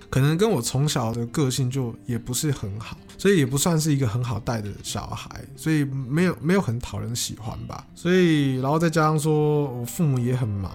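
A man's voice: medium pitch, moderate pace, hardly any pauses, a little mellow, faint music behind. A young man tells a personal story in an earnest, stammering way, often repeating words. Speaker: vlogger.

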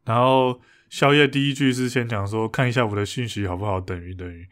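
A man's voice: mid-range voice, fairly even intonation, brisk, fairly bright tone. Laughing man retelling a fight. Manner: laughs often, retells a fight with many restarts. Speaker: podcast co-host. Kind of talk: casual chat.

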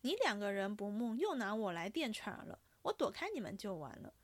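A coaxing, wheedling young nobleman in a classic storybook reading, as a woman reader puts him on, pitched a little lower than her own voice. He talks fast when he pleads or complains. The recording is close and dry. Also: very animated, no echo. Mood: grumbling. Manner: coaxing, wheedling, then blustering.

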